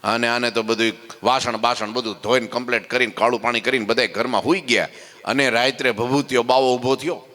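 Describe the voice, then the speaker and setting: A man telling a devotional story in a sermon, animated, acting out the voices of the people in it. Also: medium pitch, a little fast, big-room sound. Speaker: katha preacher.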